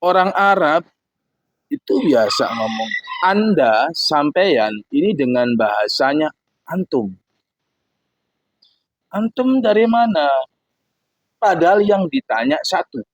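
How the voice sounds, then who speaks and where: A man teaching a religious book study, lively, acting out little dialogues and playing with Arabic loanwords. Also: fairly high pitch, dry recording, poor audio. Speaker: Islamic teacher. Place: Islamic boarding school.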